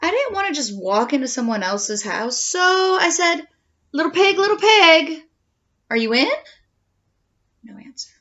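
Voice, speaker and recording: Storybook wolf played by a woman: chatty, indignant, self-justifying, highish and lively, theatrical stresses. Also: gravelly, heavily acted. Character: male storybook wolf, folksy, indignantly pleading his innocence. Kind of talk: read-aloud children's storybook narration in first person. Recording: dull home recording.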